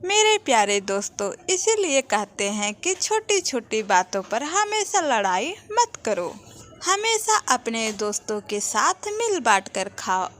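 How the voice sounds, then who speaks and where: A woman narrates a children's cartoon story, talking straight to young viewers. Her voice is high and lively, and a faint hiss sits under the recording. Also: a little slow. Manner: plain storytelling, addressing children.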